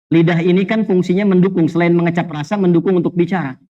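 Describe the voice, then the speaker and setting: A man preaching a lively sermon to a congregation, telling humorous stories, asking rhetorical questions, and weaving in Arabic phrases. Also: high voice, quick pace. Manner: animated storytelling with jokes and rhetorical questions. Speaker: Islamic preacher. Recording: dull lo-fi sound.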